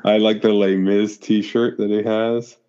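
A man's voice: lowish voice, little pitch movement, unhurried, warm tone, clear, resonant tone, muffled recording. A man co-hosting a casual movie discussion, rambling with many fillers and restarts. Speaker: podcast co-host.

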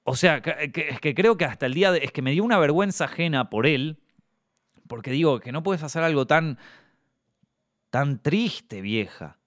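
A man with an Argentine accent hosting a casual film podcast, animated, swearing freely and drifting off-topic, on a close, dry mic. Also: on the high side, moderate pace, no echo. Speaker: podcast host.

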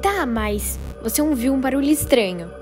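A woman's voice: high voice, expressive, moderate pace, music in the background. A woman playing a bossy, matter-of-fact girl who keeps the club in order, in a children's horror audio drama.

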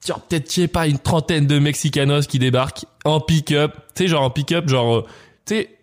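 A man's voice: on the high side, fairly quick. A young man rambling through a story in casual podcast banter, full of fillers and restarts. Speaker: podcast co-host.

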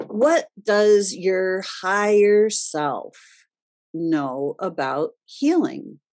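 A woman host gives a spiritual self-help talk at a slow, deliberate pace, pausing for emphasis. Her voice is a little husky, and her pitch sits in the middle range. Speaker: host of a wellness radio show.

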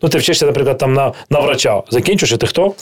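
A man, a guest chef, chatting casually and telling lively stories, swearing freely and acting out the voices of people he quotes. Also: mid-range voice, fast talker, a little hiss or hum. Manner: animated storyteller who swears freely and acts out quoted dialogue. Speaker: guest chef and TV cooking host. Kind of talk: casual podcast chat.

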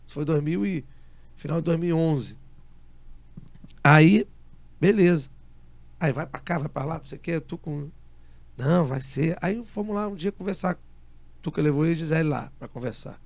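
A man's voice: on the high side, vocal fry, no echo. A man in an interview, animatedly telling a story as a guest and acting out the dialogue he quotes. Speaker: interview guest, music producer.

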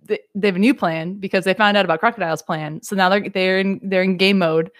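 A woman's voice: mid-range voice, fairly even intonation, fast talker. Rambling, giggly woman recapping. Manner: rambling, laughing, many fillers and restarts. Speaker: podcast co-host recapping. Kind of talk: casual chat.

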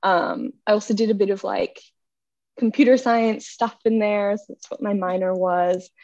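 Animated and speaking at a moderate pace, she has a mid-range voice with a darkish tone. This young woman from Bangladesh, who has an American accent, guests on a podcast for casual chat, full of laughter and self-deprecating chatter. The sound is dull and dry with no echo.

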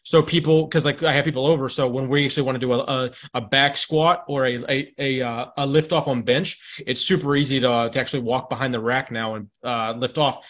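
A slightly tipsy man in a casual hobbyist chat, rambling and halting as he searches for words and swearing freely. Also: medium pitch, steady tone, a bit bright. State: a little tipsy. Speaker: home gym roundtable panelist.

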